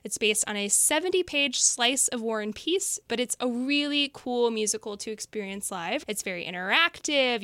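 A woman's voice: medium pitch, bright, forceful tone, clear, resonant tone, no room sound. A woman co-hosting a local news podcast, talking about events in an enthusiastic, friendly way into a studio microphone. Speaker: co-host, associate editor.

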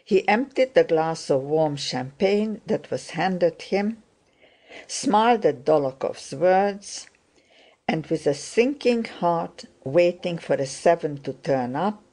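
A woman narrating a classic novel as an audiobook, with a measured, unhurried reading. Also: low-pitched, darkish tone. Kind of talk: scripted narration.

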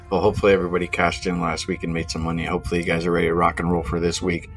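A man's voice: low-pitched, completely flat delivery, very fast, soft background music. A man hosting a casual sports betting podcast, rambling with many fillers and restarts. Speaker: podcast host.

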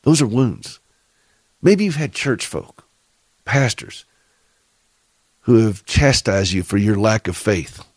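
This caregiver radio host, a middle-aged man with a Southern accent, has a lowish, husky, darkish voice. He's animated yet slow, leaving long pauses, and the recording is dry. His faith-based talk is earnest and preacherly, full of encouragement and direct questions to the audience.

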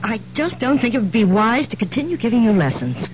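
An actress playing a gentle married piano teacher in a 1970s radio drama, hesitant and placating but primly firm. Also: female voice, fairly high pitch, sing-song, brisk, a little hiss or hum. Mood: confiding, uneasy. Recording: muffled, humming old radio broadcast.

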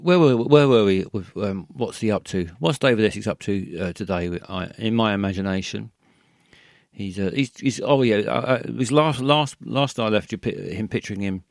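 A man hosting a call-in radio show, rambling in a halting way with many fillers and restarts. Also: lowish voice, gravelly, no room sound, clean studio sound.

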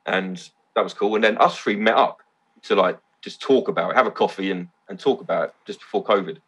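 A man telling stories as a podcast guest, excitable and loose, swearing casually. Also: deep voice, brisk, breathy edge. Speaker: podcast guest, event organiser. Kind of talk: casual chat.

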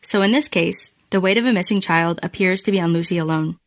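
A woman hosting a podcast, reading scripted true crime narration in measured, storytelling phrases. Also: on the low side. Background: music bed.

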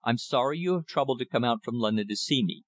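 A man's voice: mid-range voice, lively intonation, quick pace, no room sound, lightly acted. A man voicing a dismissive, haughty wealthy man who brushes off every claim with condescension.

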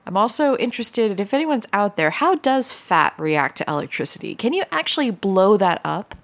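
A woman's voice: mid-range voice, sing-song, moderate pace. A woman hosting a podcast, casually chatting and musing about a story. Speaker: podcast host. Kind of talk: casual chat discussing a story.

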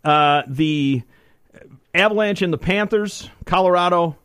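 A man's voice: high voice, a little slow, a bit bright, smooth, dry recording, studio quality. A man hosting a morning sports radio show, chatting casually and thinking aloud. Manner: rambling, thinks aloud with fillers.

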